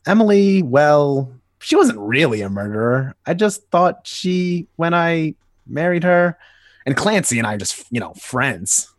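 A man's voice: fairly high pitch, big pitch swings, a little slow, no echo, studio quality. A man voicing Nightwing, a cocky young male hero who teases his younger partner, in a dramatic comic reading. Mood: sheepish. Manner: teasing, easygoing big-brother banter.

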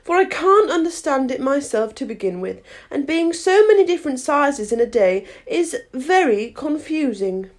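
A woman's voice: high-pitched, big pitch swings, normal speed, voice pushed up. A woman voicing a shy, polite and confused young girl from a storybook, explaining herself earnestly.

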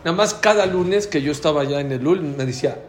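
A man with a Mexican accent telling a story in a talk, acting out the dialogue with lively changes of voice. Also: a little high, a little fast. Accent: Mexican Spanish. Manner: animated, acts out quoted dialogue. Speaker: speaker giving a talk. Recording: echoey room.

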